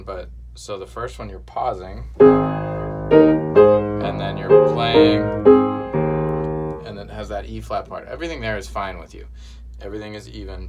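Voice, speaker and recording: Low-voiced male piano teacher, off-mic. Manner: patient, repeats instructions and calls out pauses while playing. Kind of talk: one-on-one piano lesson. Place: room with a piano. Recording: distant mic with loud piano playing.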